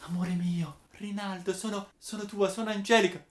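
A man voicing a young princess in love, speaking softly and pleadingly, recorded in an echoey room. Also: sits high, flat delivery, moderate pace, pitched above the performer's own voice, close to an everyday voice. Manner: soft and imploring.

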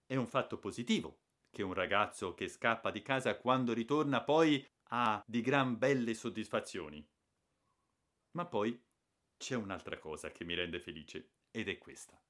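A man reading a children's novel aloud as an expressive audiobook narrator. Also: on the low side, measured pace. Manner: expressive, lively storytelling.

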